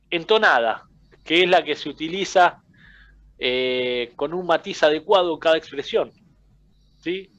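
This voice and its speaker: Argentine man lecturing, slightly high voice. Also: muffled recording. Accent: Argentine Spanish. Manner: explains with everyday examples, often checks in with "¿sí?". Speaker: football coaching instructor. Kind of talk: casual classroom lecture.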